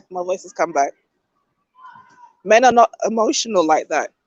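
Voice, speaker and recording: A woman's voice: lowish voice, lively intonation, normal speed, dry recording. Opinionated woman on a dull-sounding stream. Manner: opinionated, emphatic, often adds "okay?". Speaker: podcast host. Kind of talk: livestream commentary, reading chat comments.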